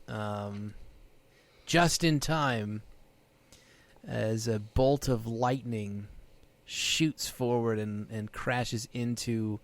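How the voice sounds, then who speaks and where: A man narrating a tabletop game as game master, describing scenes in an unhurried, halting way with many pauses. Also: lowish voice.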